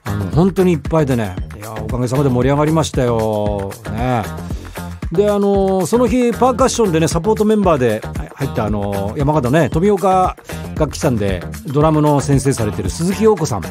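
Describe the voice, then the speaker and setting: A man's voice: on the high side, very animated, fairly quick, music in the background. A man in his sixties from Yamagata, hosting a radio show and chatting casually through listener letters, dropping into Yamagata dialect. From Yamagata, Japan. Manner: chatty, playful, drops into dialect phrases. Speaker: radio host.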